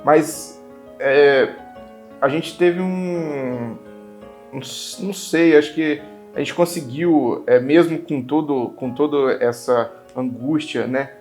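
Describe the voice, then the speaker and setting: A man in his twenties, interviewed for a documentary, speaking in a halting, thoughtful way with many restarts. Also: fairly high pitch, a little mellow, faint music behind. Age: 20s. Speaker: interviewee, father.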